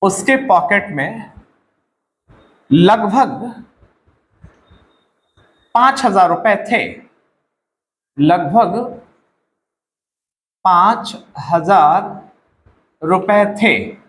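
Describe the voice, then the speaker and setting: A man's voice: high voice, expressive, drawn-out words, long pauses, a bit bright, reverberant, poor audio. A man with an Indian accent teaching English grammar, explaining step by step and repeating words and phrases. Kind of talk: classroom-style grammar lesson.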